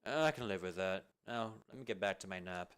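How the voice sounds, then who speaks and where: A man's voice: deep voice, a little fast, a bit bright, clean tone, pitched below the performer's own voice. A man voicing a lazy, sleepy veteran male captain with a drowsy, dry grumble. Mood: grumpy. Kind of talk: amateur video game fan dub.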